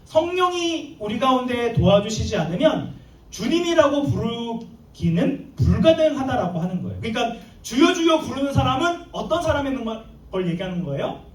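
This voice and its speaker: A man preaching a sermon to a youth group, talking in a lively way and acting out little scenes with comic asides. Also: very high voice, normal speed. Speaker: youth pastor. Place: church hall. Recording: echoey hall, mic at a distance.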